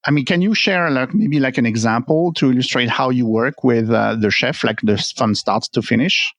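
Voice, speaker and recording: A man's voice: mid-range voice, normal speed, a bit bright, no echo. A man hosting a podcast interview, asking questions casually with many fillers. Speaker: podcast host. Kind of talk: conversational interview.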